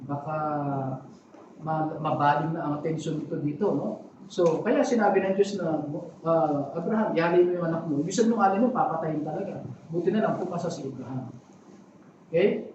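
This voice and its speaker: High-voiced man preaching in an echoey hall. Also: moderate pace, distant mic, highs cut off, noisy background. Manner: conversational preaching with frequent asides to the congregation. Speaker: pastor. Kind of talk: sermon. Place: church hall.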